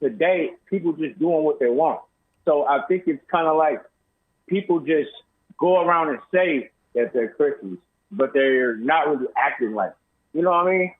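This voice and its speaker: A man's voice: a little high, animated, moderate pace, breathy edge. A man calling in to a talk show from a big empty room, his voice bouncing around with a canyon-like echo. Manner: plain-spoken, casual slang. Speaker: caller. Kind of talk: call-in talk. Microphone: phone on speakerphone. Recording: tinny speakerphone in an empty echoing room.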